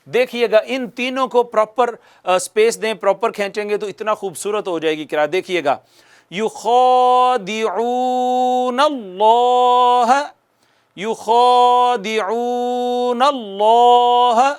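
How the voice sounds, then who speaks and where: Male tajweed teacher, high resonant voice, patient explainer who drills slow recitations. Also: clean tone. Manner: explains rules patiently, then recites slowly and drawn out for viewers to repeat; asks the audience questions and answers them himself. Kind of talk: televised tajweed lesson.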